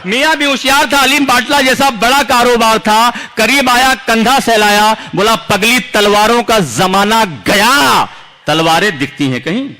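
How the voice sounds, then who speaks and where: An Indian poet performs his own comic and serious poems at a big open-air recital, repeating lines for emphasis as he declaims. He speaks in an extremely high, sharp voice at an unhurried pace, and a slight hiss or hum runs under the recording.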